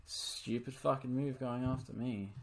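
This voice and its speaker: A woman streaming an online game, swearing constantly and yelling in frustration at other players. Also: rumbling low, steady tone, a little slow, slight background noise. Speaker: gaming streamer. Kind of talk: live commentary while playing an online game.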